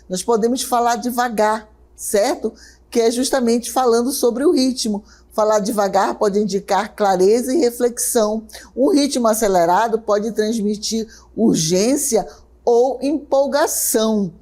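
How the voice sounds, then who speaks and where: A woman teacher with a Brazilian Portuguese accent, giving a televised lesson, talking quickly and checking in often with her students. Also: medium pitch, darkish tone. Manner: talks fast, checks in often with "certo?" and "né?"; slows right down to guide a breathing exercise.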